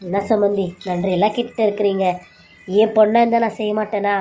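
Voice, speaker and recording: A woman's voice: mid-range voice, fairly even intonation, fast talker, faint music behind, natural voice. A woman voicing a kindly mother-in-law who reassures her in-law in a family serial drama. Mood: gracious. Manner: warm reassuring talk to in-laws.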